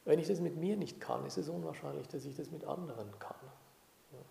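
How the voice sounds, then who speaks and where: Calm meditation teacher guy, gravelly dark voice, echoey room with a bit of hiss. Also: a little high. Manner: calm, unhurried, thoughtful with frequent "ja?" checks. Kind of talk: dharma talk to a group.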